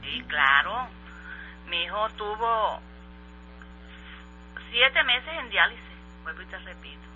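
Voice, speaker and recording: A middle-aged woman from Colombia, giving an emotional personal testimony in an interview, halting and repeating words as she goes. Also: medium pitch, expressive. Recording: slightly muffled radio with soft music.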